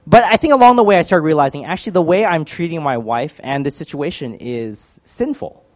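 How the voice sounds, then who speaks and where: A man's voice: a little high, animated, brisk. A married man giving a personal faith testimony in a candid, self-deprecating storytelling manner. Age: adult, married.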